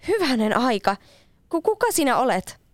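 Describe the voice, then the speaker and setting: A curious little girl speaks up, as a woman reader puts her on, her voice lifted high and full of eager wonder. She sounds polite and excited. The tone is smooth and clean, with no room around it. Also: dry recording, studio quality. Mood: startled. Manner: wide-eyed, eager, breathless with wonder. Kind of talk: storybook read-aloud.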